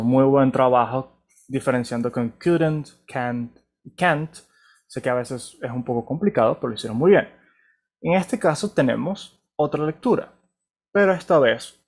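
A male teacher with a Venezuelan Spanish accent runs an online English class over a video call. He speaks slowly and patiently, with a gravelly, husky voice. He keeps checking in with his students. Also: mid-range voice. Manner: patient, encouraging, often checks with "ok?". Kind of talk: online class, explaining pronunciation.

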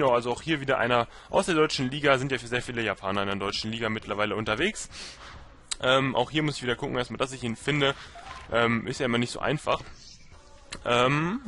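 A man's voice: medium pitch, sharp tone. A young man giving casual, rambling commentary over a football video game, full of fillers and self-corrections. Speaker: gaming commentator.

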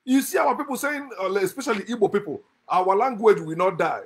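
This channel host, a middle-aged man at a desk in an indoor room, talks to camera in a heated, contemptuous monologue and chuckles between points. His high-pitched voice has a breathy edge and moves a little fast.

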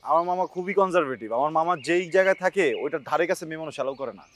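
A man's voice: fairly high pitch, racing, fairly bright tone. A man performing in a scripted comedy skit, talking in a blustering, dramatic, pleading way.

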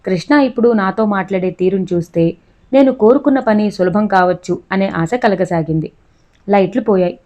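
A woman's voice: mid-range voice, normal speed, warm tone. A woman steadily reading a novel aloud, voicing the first-person narrator and her dialogue. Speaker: audiobook reader.

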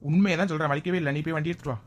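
A woman's voice: low voice, steady tone, very fast. A woman playing a teasing, lovestruck young man who talks playfully.

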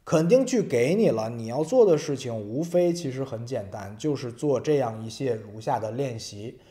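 Guy teaching english vocab in mandarin, warm mellow voice, keeps going "right?" and reading example sentences. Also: mid-range voice, animated, normal speed. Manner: explains step by step, often checks with tag questions. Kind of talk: video vocabulary lesson.

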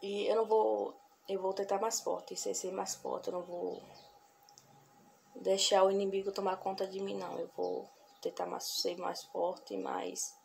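A young woman vlogging from a couch at home, speaking softly, pausing often and repeating herself as she talks to her viewers. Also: medium pitch, little pitch movement, gravelly. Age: young adult. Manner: soft-spoken, repeats herself, pauses to collect thoughts. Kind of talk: casual heartfelt vlog talk. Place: small home room, on a couch. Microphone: phone camera at arm's length. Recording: noisy home phone recording.

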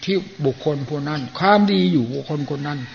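An older man, a Buddhist monk, giving a plain-spoken, folksy sermon and often clearing his throat. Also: fairly high pitch, fairly quick. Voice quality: gravelly. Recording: muffled lo-fi archive recording with faint hiss.

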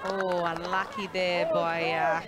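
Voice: mid-range voice, level tone, takes it slowly. A match commentator, talking earnestly during a live broadcast. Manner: earnest, speaks up for getting names right. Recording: crowd noise behind.

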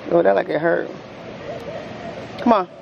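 Gravelly woman vlogging outdoors at the zoo. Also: on the low side, unhurried, highs cut off. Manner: casual, conversational questioning of a small child. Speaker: vlogger and mother. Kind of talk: casual family vlog chat. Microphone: handheld camera at arm's length. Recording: clearly noisy outdoor handheld recording. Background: outdoor ambience and noise.

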